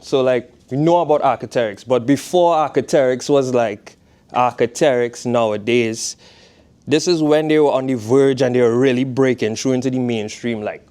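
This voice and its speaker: This guest talk to a college class comes from a Trinidadian footwear designer in his twenties with a Trinidadian accent. His mid-range voice is a little mellow with a clean tone, and his laid-back, chatty delivery includes the question "you know what I mean."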